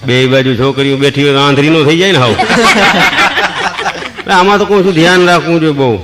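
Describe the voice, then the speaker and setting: A quick-paced, high-ish male voice in a very noisy recording carries a Kathiyawadi Gujarati accent through a folksy joke-telling monologue. The comedian acts out his characters, sings snatches of procession songs, and laughs at his own punchlines.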